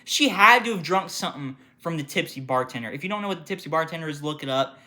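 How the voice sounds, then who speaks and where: A retail worker rants through a casual storytime, swearing freely. The voice has a bright, cutting edge at a middling pitch. It lurches from loud exclamations to low, muttered asides. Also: fast. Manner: profane, animated, swings from loud outbursts to muttered asides. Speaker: retail worker telling work stories.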